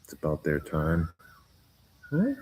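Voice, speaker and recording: A man vlogging outdoors on a jungle farm, chatting casually in a rambling, giggly, relaxed way. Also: very deep voice, takes it slowly, very noisy. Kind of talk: casual chat.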